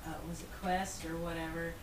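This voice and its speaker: A woman's voice: on the low side, little pitch movement, fairly quick. A woman co-hosting a podcast, telling stories in casual chat and giggling through them. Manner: giggly, anecdotal storytelling. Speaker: podcast co-host. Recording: echoey room, far from mic, noisy.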